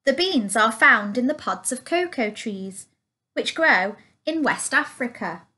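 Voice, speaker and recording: A woman reading a children's picture book aloud, slowly, clearly and carefully. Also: on the high side, expressive, pushed and bright. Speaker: storyteller.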